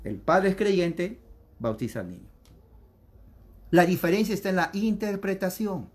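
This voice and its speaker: A man's voice: high-pitched, lively intonation, measured pace. A man preaching a catechism lesson in an emphatic, repetitive way, acting out opponents' objections in quoted voices. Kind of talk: sermon.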